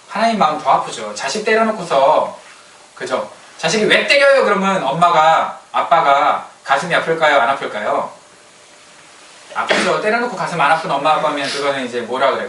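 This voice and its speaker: Animated man preaching in an echoey hall. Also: on the high side. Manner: animated, asks the congregation questions and acts out quoted complaints. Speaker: pastor. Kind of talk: sermon. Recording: echoey hall, voice from a distance, light room noise.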